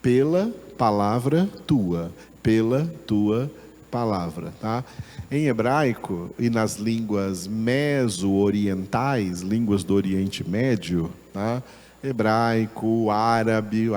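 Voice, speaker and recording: A man with a Brazilian Portuguese accent teaching a Bible lesson, slow and deliberate, repeating words as he explains them. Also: on the low side, darkish tone, in a large hall.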